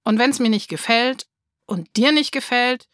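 Patient storybook dad, coaxing and gently firm, as a woman reads him, dry sound. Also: fairly high pitch, unhurried, dry recording, voice pushed up. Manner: coaxing, reasoning.

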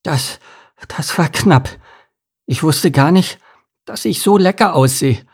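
An excitable young male fish bursts out in high, bouncy squeals, as a man reads him aloud. The voice has a husky, creaky grain. It is a storybook part, cheerful and eager throughout. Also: takes it slowly, heavily acted. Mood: curious. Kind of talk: storybook reading.

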